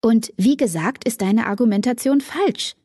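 A woman's voice: fairly high pitch, moderate pace, warm tone, breathy edge, dry recording, pitched above the performer's own voice. A woman voicing an exasperated, bookish teenage girl in an audiobook, with a dry close sound. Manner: exasperated, defensive.

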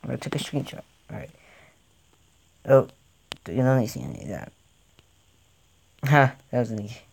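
A young man giving rambling, easily excited, jokey commentary over his own tank game session, recorded on a home mic. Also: mid-range voice, moderate pace, vocal fry, slight background noise. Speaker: gaming channel host.

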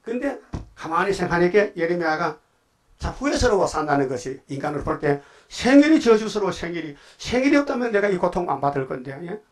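A man preaches a Sunday afternoon sermon in a slightly higher than usual voice. He retells scripture in plain everyday speech and keeps prodding his listeners with quick questions. He moves between loud outbursts and hushed asides. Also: big pitch swings. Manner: colloquial storytelling preaching, prodding the congregation with "예?". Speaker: pastor.

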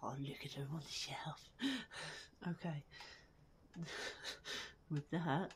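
With a deep, steady voice, a woman who makes gaming videos takes her time commenting casually on gameplay. She squeals happily at anything cute and mutters asides quietly. There's a little hiss or hum in the audio.

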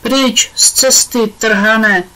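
A woman reading a storybook, voicing a lively adventurous young girl who calls out eagerly. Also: medium pitch, natural voice, rough recording. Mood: excited.

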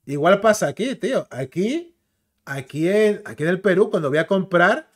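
A slangy, chatty man from the Canary Islands talks through a video clip in a relaxed commentary style. His voice sits a little high for a man, and he keeps dropping filler tags into his sentences. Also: moderate pace. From Canary Islands, Spain. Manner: chatty, slangy, keeps tagging phrases with "tío" and "¿vale?". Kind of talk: casual commentary reacting to a clip.

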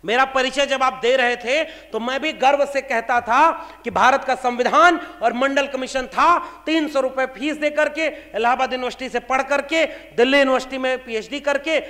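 With an extremely high, bright, forceful voice at a moderate pace, a man from India in his thirties gives an impassioned political speech at a public meeting. Standing before an audience in a large hall whose sound reverberates, he is fiery and rhetorical, pressing pointed questions.

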